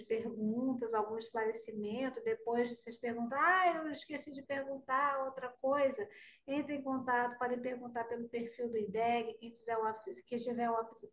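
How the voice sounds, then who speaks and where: In a live online class, a Brazilian guest teacher with a fairly high voice and a Brazilian Portuguese accent answers students' questions directly and in a friendly way. The mic sounds distant and roomy, with a little hiss or hum.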